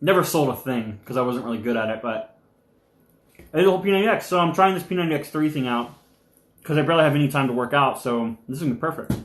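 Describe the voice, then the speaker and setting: A young man hosting a casual live stream, rambling and animated, sometimes talking with his mouth full. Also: mid-range voice, fast talker, reverberant.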